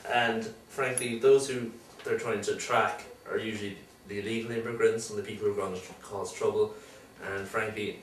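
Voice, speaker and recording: Male co-host, animated, mimicking; echoey room, distant mic, light hiss. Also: fairly low pitch. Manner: animated, mimics voices in asides. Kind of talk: joking tech news chat.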